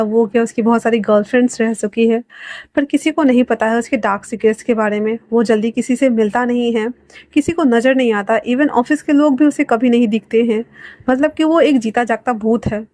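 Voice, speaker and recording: A woman's voice: a little high, darkish tone, dry recording, close to an everyday voice. A woman voicing a bossy, hot-tempered young man who scolds his friend bluntly.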